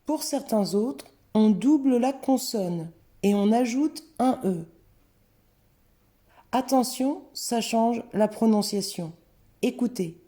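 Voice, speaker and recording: Woman, scripted lesson narration, unhurried, deliberate word examples, mellow voice. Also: on the high side, animated. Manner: slow, careful, clearly spelled-out word examples. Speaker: French teacher.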